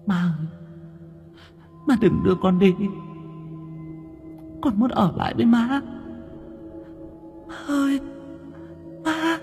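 A man's voice: sing-song, slow pace, long pauses, a little mellow, faint music behind, exaggerated voice. A man voicing a drowned girl's wailing ghost. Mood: pleading, wailing. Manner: wailing, high and distant. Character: drowned young woman's ghost, cold and pleading.

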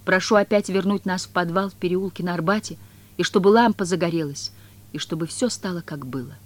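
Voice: mid-range voice, a little fast, pitched above the performer's own voice, close to an everyday voice. A reader voicing a passionate woman pleading earnestly.

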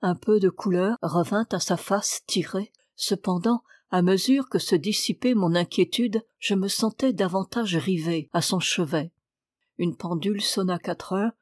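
A woman's voice: mid-range voice, no room sound. Woman reading a novel aloud, dry sound. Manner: measured, steady literary narration. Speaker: audiobook reader.

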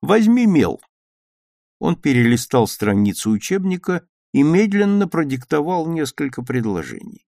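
A man narrating a children's story aloud in an expressive, lively reading style. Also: a little high, moderate pace, no echo, clean studio sound.

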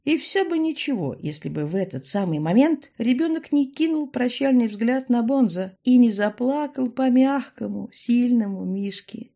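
Woman reader, first-person fantasy audiobook, wry, pitch dancing up and down. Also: normal speed, vocal fry, few pauses. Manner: wry, expressive storytelling. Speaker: audiobook narrator.

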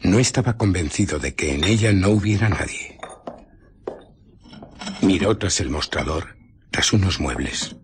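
Here the embittered invisible scientist of the radio drama is voiced by a man with a deep, animated voice, against a noisy background. Furtive and wary, he tells of his exploits through narration and dialogue, pausing dramatically, his husky breath sliding into whispers.

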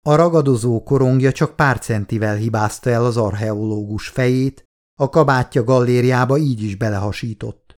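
Steady male audiobook narrator. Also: medium pitch. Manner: steady, measured storytelling. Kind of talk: scripted narration.

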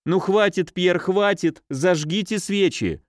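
A fussy, mincing nurse of middle age, easily frightened and quick to scold, as a male audiobook reader puts her on. Her voice rides high and turns shrill when she panics, set in a dry, close recording. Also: expressive, a little mellow, dry recording, lightly acted.

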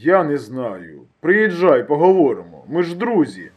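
A man reading an audiobook and voicing a hesitant, evasive friend who speaks slowly and reluctantly. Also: fairly high pitch, very animated, husky, voice pushed up, heavily acted. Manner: hesitant, slow, dragging. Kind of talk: audiobook character voice.

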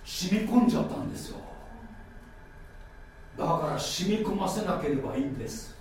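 Man preaching, high voice, very lively pitch, echoey hall, distant mic, faint noise. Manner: animated preaching, drawn-out scripture reading. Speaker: pastor. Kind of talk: sermon.

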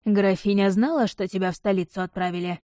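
A stern, suspicious nobleman who gives terse commands and quiet threats, as a woman reads him aloud. The voice stays dark and close to the narrator's own, firm and clipped, in a dry storybook recording. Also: mid-range voice, steady tone, brisk, no echo, close to an everyday voice.

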